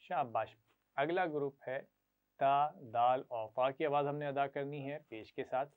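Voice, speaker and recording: A man's voice: mid-range voice, fairly even intonation, clear, resonant tone. A man teaching children Quran reading, patiently sounding out syllables for them to repeat and praising them often. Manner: patient, repeats syllables slowly for pupils to echo; frequent praise. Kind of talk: classroom lesson to children. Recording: tinny phone-like sound.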